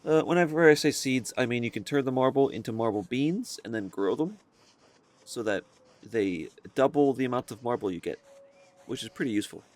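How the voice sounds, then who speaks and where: A man's voice: medium pitch, animated, a little fast, darkish tone. A man hosting a casual let's-play, thinking aloud as he plays and often rambling and correcting himself. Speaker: gaming video host.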